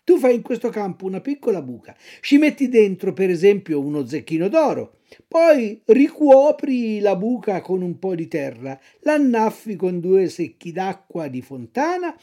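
A woman voicing a sly, smooth-talking male fox swindler in a storybook reading, coaxing and theatrical. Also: mid-range voice, very animated, normal speed, warm tone.

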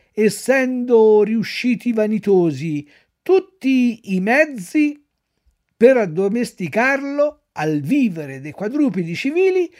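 A man voicing a boastful male circus ringmaster in a storybook reading, declaiming slowly and grandly. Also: sits high, a little mellow, pitched above the performer's own voice, heavily acted.

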